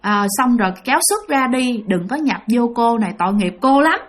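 Woman doing gruff older laborers questioning. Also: a little high, expressive, brisk, lightly acted. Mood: stern coaxing. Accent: Southern Vietnamese. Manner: scolding, questioning. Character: gruff older male camp workers.

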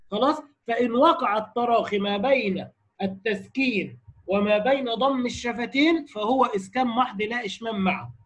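Husky high-voiced Egyptian man teaching. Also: a bit bright. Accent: Egyptian Arabic. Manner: explains, quotes texts, then asks students checking questions. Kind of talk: classroom lecture on Quran recitation rules.

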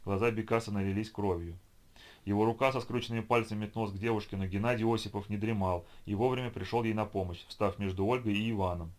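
A man reading an audiobook in a steady, measured storytelling manner. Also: fairly low pitch. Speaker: audiobook reader. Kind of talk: scripted audiobook narration.

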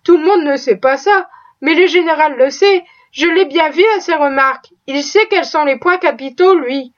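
Woman reader as a talkative, pious cook with a high voice, folksy and full of exclamations, on a dull lo-fi recording. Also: normal speed, lightly acted. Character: proud, chatty, pious female cook.

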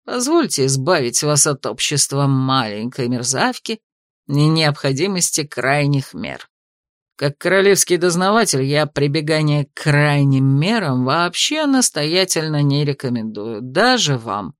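Woman as a sardonic male investigator; low, unhurried, poisonous politeness. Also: sing-song, no echo, studio quality. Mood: venomous. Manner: venomous, drawling. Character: sneering male royal investigator, cold and sardonic.

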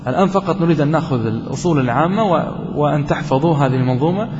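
A man's voice: fairly high pitch, expressive, racing, darkish tone, in a large hall, dull audio, slight background noise. A man teaching a grammar lesson to a class, asking questions and answering them himself and repeating key points. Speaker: sheikh teaching Arabic grammar.

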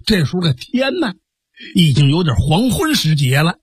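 A man telling a traditional story in an animated way, chuckling and adding sound effects. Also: on the high side, moderate pace, breathy edge, no room sound, studio quality.

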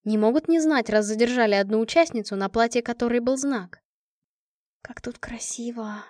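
A woman narrating a fantasy story in the first person, lively and expressive. Her voice is fairly high, and the dry, close sound has no room around it. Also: quick pace, no echo. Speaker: audiobook narrator.

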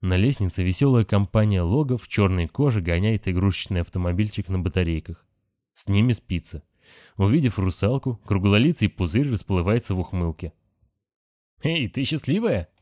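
A man reading a novel aloud as narrator, steady and measured. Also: low-pitched, no echo, studio quality. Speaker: audiobook narrator. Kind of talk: scripted narration.

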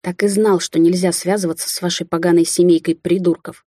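A woman voicing a greedy, covetous tall young man, speaking soft, slow and hushed in a dark, husky voice. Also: lowish voice, little pitch movement, no echo, clean studio sound, lightly acted. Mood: sulky.

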